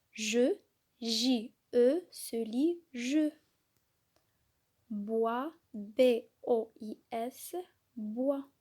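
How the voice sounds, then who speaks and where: A woman gives a reading lesson for small children, sounding out each letter and syllable with great patience. Her voice is mellow and a little high, and she speaks very slowly. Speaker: kindergarten teacher. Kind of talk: slow, clearly articulated reading lesson for young children.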